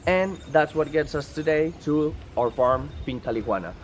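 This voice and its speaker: A man's voice: on the high side, expressive, normal speed, slight background noise. A man, a native Spanish speaker from Colombia, guiding a group on a coffee farm. He explains patiently and ends many phrases with "okay?". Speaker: tour guide. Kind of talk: guided tour explanation.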